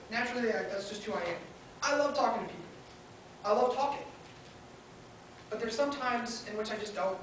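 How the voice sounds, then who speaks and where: In a very echoey hall, heard from a distance with faint hiss, a woman delivers a sermon into a pulpit microphone. Her voice is a little high and fairly bright, and she is earnest, building her points through short listed phrases.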